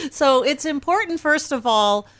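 A woman's voice: high-pitched, animated, measured pace, fairly bright tone. A woman guest on a radio show, giving cheerful, encouraging advice in a casual chat and laughing easily. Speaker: weight loss program manager, radio guest.

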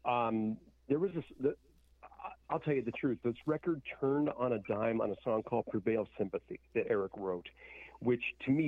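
A man's voice: fairly low pitch, dry recording. A man telling a story as a band guest in a casual interview, candid and acting out what people said. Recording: slightly dull, dry audio.

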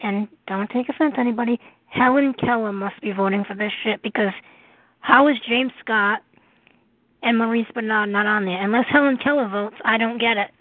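A woman's voice: a little high, moderate pace, dry recording. A woman co-hosting a call-in show, giving blunt, outspoken opinions. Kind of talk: casual call-in chat. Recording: tinny phone line.

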